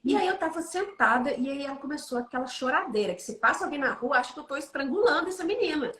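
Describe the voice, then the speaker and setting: Fast, animated woman speaker on faith and parenting, slightly high voice, roomy echo around her; she tells stories with energy and keeps checking in with her listener. Her delivery is warm conversation rather than a formal sermon. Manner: animated storytelling, frequent "né?" tags.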